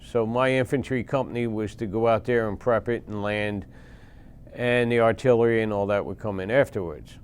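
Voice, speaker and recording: A man's voice: on the low side, steady tone, clear, resonant tone. Plain-spoken man in his sixties. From Philadelphia, USA. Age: 60s. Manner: plain-spoken, halting with pauses and fillers. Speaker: veteran interviewee. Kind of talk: recounting war memories.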